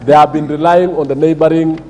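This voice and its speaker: Big reverberant hall, Kenyan male committee chair, soft mellow tone, formal debate. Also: fairly high pitch, steady tone, fairly quick, a little hiss or hum. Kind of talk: parliamentary floor debate. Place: large parliamentary chamber.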